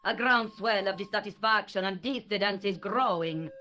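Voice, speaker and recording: An actress playing a cool, measured French conspirator in a video game. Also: female voice, mid-range voice, bright, forceful tone, close to an everyday voice.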